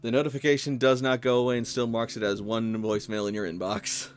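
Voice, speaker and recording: A man narrating a tabletop role-playing game as game master, measured, with pauses mid-sentence. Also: medium pitch, flat delivery.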